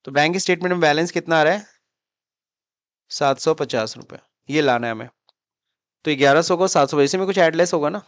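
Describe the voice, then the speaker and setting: A man's voice: on the high side, fairly quick, pauses often, no echo. A man teaching accounting in a classroom-style lecture, mixing Hindi with English terms and repeatedly asking students questions as he explains. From India.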